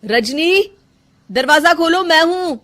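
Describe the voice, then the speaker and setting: A woman's voice: extremely high pitch, expressive, slow, fairly bright tone, heavily acted. A woman voicing a concerned young husband in a cartoon. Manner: pleading, questioning. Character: young married man, earnest and concerned husband. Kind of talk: Hindi cartoon story voice acting.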